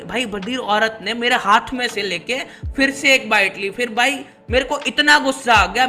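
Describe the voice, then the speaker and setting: A young man from Gujarat, telling a school story in a casual, animated, slangy storytime style. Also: high-pitched. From Gujarat, India. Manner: animated, slangy, peppered with buddy fillers.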